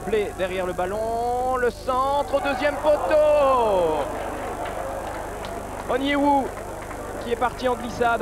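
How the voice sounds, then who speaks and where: A man giving excited football commentary as a match commentator, his voice surging with the play. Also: high voice. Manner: voice surges on chances and goals.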